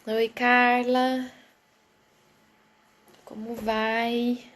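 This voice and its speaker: A woman's voice: on the high side, flat delivery, extremely slow. A woman hosting a casual live stream, chatting and greeting viewers by name as they join. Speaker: live stream host, therapist.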